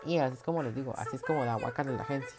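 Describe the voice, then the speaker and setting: Un hombre con acento centroamericano que habla en su podcast de forma casual, chismosa y presumida, con cambios dramáticos de tono. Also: male voice, rapid-fire, music in the background. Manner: dramatic, gossipy and boastful, with big swings in pitch and loudness. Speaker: podcast host.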